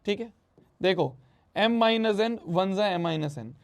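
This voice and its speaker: A man's voice: sits high, takes it slowly. A man teaching a math lesson, repeating his phrases and mixing Hindi with English math terms.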